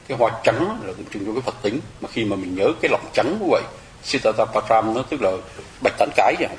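Fast-talking man giving a dharma talk. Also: fairly low pitch, reverberant, a little hiss or hum, low-quality recording. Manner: explanatory, rhetorical questions to the audience. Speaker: Buddhist monk teacher. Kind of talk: dharma talk to lay followers.

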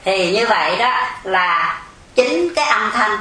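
A woman's voice: mid-range voice, lively intonation, slow pace, sharp tone. A woman gives a Zen dharma talk, explaining patiently and asking the audience rhetorical questions. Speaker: Buddhist Zen teacher. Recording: echoey room, faint background hum.

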